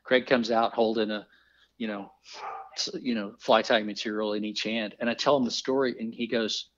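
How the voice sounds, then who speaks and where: Low-voiced man telling lively fishing tales. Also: normal speed. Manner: lively anecdotes with exclaimed quoted voices. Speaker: podcast guest, fly fisher. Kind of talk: animated storytelling. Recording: dull lo-fi sound.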